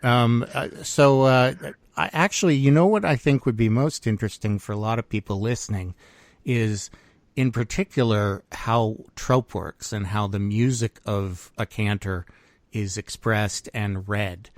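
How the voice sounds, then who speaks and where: A man's voice: lowish voice, a little slow, no echo. A man hosting a podcast interview, asking questions in a hesitant way with many fillers. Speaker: podcast host. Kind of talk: casual interview.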